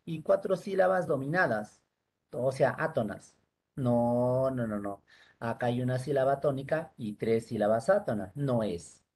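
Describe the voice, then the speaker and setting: A man's voice: medium pitch, animated, measured pace, a little mellow, slightly rough. A male teacher giving an online lesson on rules, patiently spelling words out syllable by syllable.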